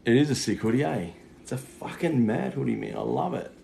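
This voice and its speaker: This livestreaming psychic medium, a man with a mid-range, dark-toned voice, speaks a little fast while doing live readings. His chat is casual, matey and sweary with plenty of slang, over clearly audible background noise.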